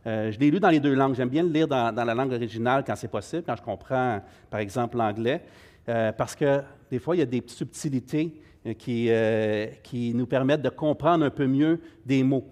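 A middle-aged man with a Québécois French accent leads an informal Bible study class, hesitating often, using many fillers and making friendly asides to the group. His medium-pitched voice is a little fast and a little mellow.

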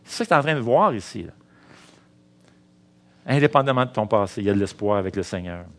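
A middle-aged man preaching a sermon as pastor, in a Quebec French accent, lively and calling out to the congregation. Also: lowish voice, quick pace.

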